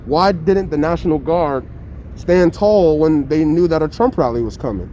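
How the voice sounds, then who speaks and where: A man's voice: fairly high pitch, lively intonation, moderate pace, dark tone, slight background noise. A man talking through a face mask, arguing his opinions in an impassioned, insistent way and repeating phrases for emphasis. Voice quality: slightly muffled, speaking through a face mask. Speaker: interviewee giving opinions. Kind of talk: impassioned street debate.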